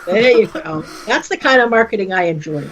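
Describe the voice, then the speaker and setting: A woman's voice: medium pitch, expressive, brisk, a crowd in the background. A woman, a teacher and guest on a podcast, talking in a chatty, earnest way about old media. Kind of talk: casual chat. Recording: dull, lo-fi sound.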